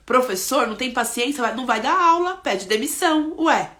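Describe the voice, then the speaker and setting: A Brazilian woman delivering a motivational talk. She talks earnestly and admonishes firmly, often pausing on a questioning tag. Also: high voice, lively intonation, a bit bright. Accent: Brazilian Portuguese. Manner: earnest, emphatic, admonishing, with many "né?" tags. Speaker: speaker on insecurity and parenting.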